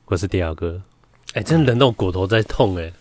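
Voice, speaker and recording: A man's voice: sits low, lively intonation, a little fast, darkish tone, no echo. A man co-hosting a podcast in casual chat, blunt and teasing, cursing casually as he talks. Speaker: podcast co-host.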